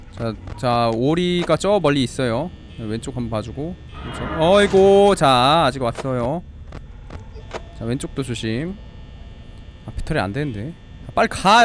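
A man giving lively horror game commentary, excitable and quick to yelp and plead when under pressure. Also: fairly high pitch. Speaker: game streamer.

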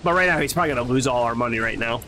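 A man's voice: mid-range voice, racing, sharp tone, slight background noise. A man streaming a video game, chatting casually and hopefully while he plays. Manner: chatty, hopeful, repeats himself. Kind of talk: casual gaming chat.

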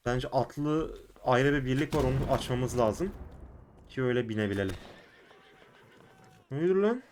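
A young man with a Turkish accent giving casual commentary as he plays an online game, shouting in fights and muttering between them. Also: mid-range voice, moderate pace, slight background noise. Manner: excitable, shouts and laughs during fights, mutters to himself between. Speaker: gaming YouTuber.

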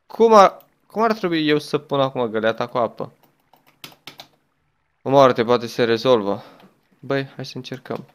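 A young gaming YouTuber with a smooth, mid-range voice chats through a let's play. He's animated and pauses often, exclaiming frequently and talking to both the game and a friend.

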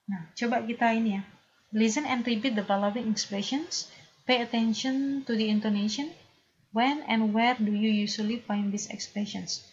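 A woman teacher with an Indonesian accent, giving an English lesson in Indonesian and reading English phrases slowly so students can repeat them. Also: on the high side, fairly even intonation. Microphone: lapel mic. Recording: dull lo-fi recording with faint ambience.

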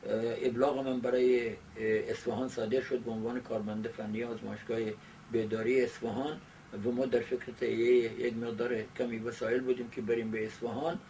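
Distant, noisy recording of halting elderly man. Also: mid-range voice, flat delivery, a little mellow. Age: 70s. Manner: halting, with long hesitations. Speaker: interviewee giving oral history. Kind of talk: recollective personal narration. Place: small book-lined study indoors. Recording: distant mic, noisy amateur camcorder sound.

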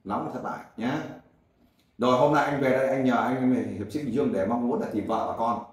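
A man interviewing and scolding a guest, lecturing him loudly. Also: medium pitch, a little fast, heavy reverb, distant mic. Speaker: volunteer group interviewer.

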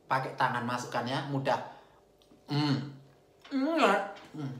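A man's voice: mid-range voice, very animated, slow pace, fairly bright tone, a little hiss or hum. A man chatting casually in an eating video, murmuring through a mouth full of sushi. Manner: chatty, chuckles often, murmurs while chewing. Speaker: mukbang vlogger. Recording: echoey room.

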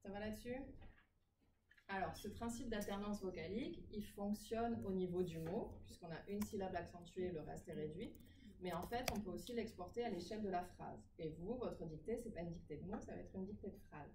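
A woman's voice: mid-range voice, brisk. A woman teaching phonetics in a classroom, explaining rules patiently and often checking that students follow. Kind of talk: classroom lecture. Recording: echoey room, far from mic, background noise.

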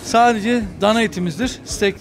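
A man's voice: high-pitched, moderate pace. A middle-aged man, a restaurant owner, proudly describing his food in an interview. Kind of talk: interview answers. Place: restaurant kitchen by the grill.

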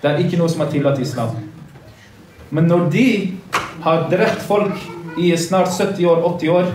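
A man with a slightly high voice teaches boys a religious lesson in a large carpeted mosque room, earnest and preachy, repeating points for emphasis. The background is noisy, and a phone livestreaming from across the room picks him up from afar, so the room sounds echoey.

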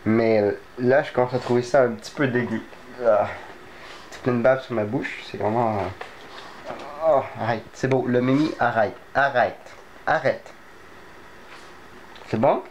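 A man's voice: mid-range voice, unhurried, long pauses, highs cut off, slight background noise. A young man chatting casually to camera in a vlog, playful and prone to mock panic. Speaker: vlogger.

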